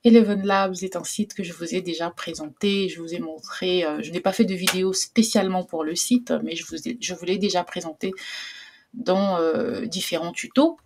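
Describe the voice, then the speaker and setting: A woman's voice: fairly low pitch, normal speed, a little mellow, slight background noise. A woman hosting a casual screen tutorial, chatty and hesitant with many fillers. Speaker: tutorial host.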